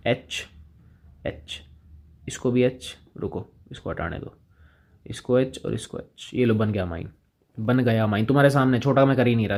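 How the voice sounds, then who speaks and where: A man's voice: mid-range voice, a little mellow. A man teaching chemistry in a casual lecture, chatting with students and playing both sides of the conversation.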